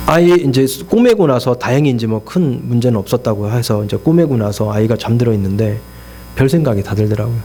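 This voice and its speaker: A man's voice: mid-range voice, lively intonation, fast, warm tone, slight background noise. A middle-aged male pastor preaching a sermon, telling stories with animation and acting out complaints and prayers in his own voice, often putting rhetorical questions to the congregation.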